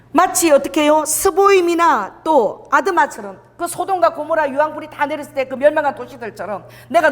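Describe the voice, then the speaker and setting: Lively woman pastor preaching in a reverberant church. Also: sits high. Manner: lively preaching with congregation call-and-response and quoted voices. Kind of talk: sermon. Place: church sanctuary.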